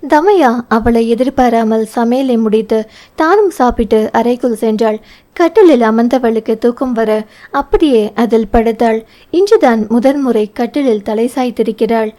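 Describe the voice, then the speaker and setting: A woman with a Tamil accent narrates a novel as an audiobook reader. Her voice sits a little high but has a dark, mellow colour. She reads narration and dialogue in much the same voice. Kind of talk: novel reading with character dialogue.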